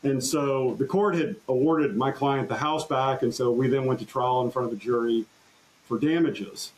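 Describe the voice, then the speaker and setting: Male trial lawyer guest, mid-pitched, earnest storyteller, halting restarts, podcast interview. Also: darkish tone, rough recording. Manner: earnest, halting restarts, recounts courtroom exchanges.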